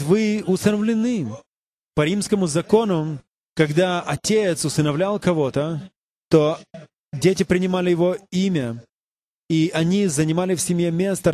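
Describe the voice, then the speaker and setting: Earnest male preacher, mellow tone. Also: sits high. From United States. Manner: earnest preaching with rhetorical questions to the congregation. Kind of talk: sermon.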